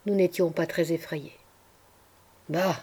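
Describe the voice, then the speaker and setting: A woman narrating a literary audiobook in a measured, expressive storytelling voice. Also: medium pitch. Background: faint background music.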